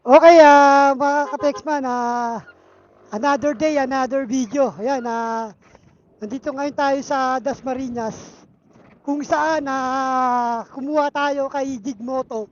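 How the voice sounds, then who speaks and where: Through a muffled Bluetooth helmet intercom, a Filipino motovlogger speaks casually and with hesitations while riding a motorcycle in outdoor traffic. The voice is high and steady in tone, set against loud noise from the road and passing vehicles.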